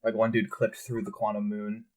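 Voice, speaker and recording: Male co-host, low-ish voice, loose casual chat with some cursing. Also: normal speed. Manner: relaxed, swears freely. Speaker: podcast co-host.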